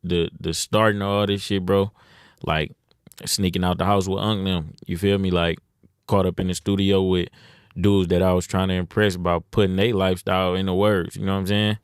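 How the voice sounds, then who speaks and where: A man's voice: low-pitched, level tone, fairly quick, clean tone, no echo, studio quality. A young man from Detroit, a rapper talking as a podcast guest in laid-back slang, dropping "you know what I'm saying" often. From Detroit, USA. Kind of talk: casual interview.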